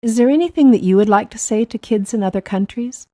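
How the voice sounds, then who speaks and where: An adult American woman with a slightly high voice interviews young people. She asks short scripted questions in a measured, even way.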